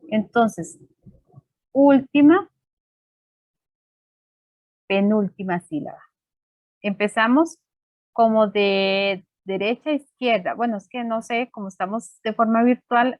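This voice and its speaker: A woman's voice: medium pitch, no room sound. A woman teacher giving a lesson on a video call, explaining step by step with frequent fillers. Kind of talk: online class lesson. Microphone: computer microphone on a video call.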